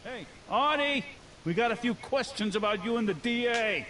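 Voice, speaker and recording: An actor playing a wisecracking male gangster henchman in a video game, brash and quick. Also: extremely high pitch, expressive, sharp tone, slight background noise, exaggerated voice, low-quality recording.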